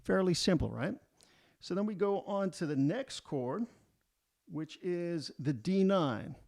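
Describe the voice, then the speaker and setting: A middle-aged man teaching a music lesson in a relaxed way, often checking in with "all right?". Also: sits high, slow pace, gravelly, dry recording.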